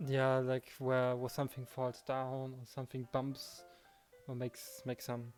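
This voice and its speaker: In a let's play, a man reads through a visual novel and chats casually as he goes. His mid-range voice is a little mellow and completely flat, and he takes his time. Faint music plays behind him, and he acts as both narrator and reader.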